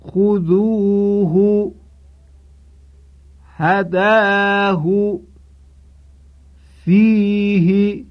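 A man teaching a step-by-step recitation lesson, methodical and repeating his points while asking listeners to pay attention. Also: mid-range voice. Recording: dull lo-fi recording.

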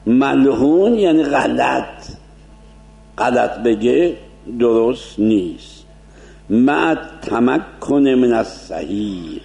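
A man teaching a seminary lecture as a cleric, explaining points and slowly demonstrating Arabic pronunciation. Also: medium pitch, gravelly, warm tone, reverberant.

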